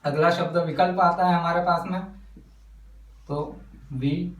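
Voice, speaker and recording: Guy teaching verse syllables, slow and deliberate, kinda high voice, roomy echo, mic set back. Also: flat delivery, far from the mic, slight background noise. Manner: slow, spells out syllables while writing. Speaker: Hindi poetry teacher. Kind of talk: whiteboard lesson.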